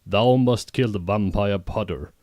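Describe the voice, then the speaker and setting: A man voicing a cruel dark lord villain who speaks in stilted, old-fashioned threats. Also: on the low side, a little slow, no room sound, studio quality, lightly acted. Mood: threatening.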